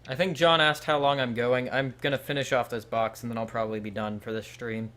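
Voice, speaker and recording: A young man hosts a live stream in a relaxed, chatty way. He talks straight to viewers and answers them by name, at an ordinary middle pitch. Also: fairly quick. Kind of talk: casual live-stream chat.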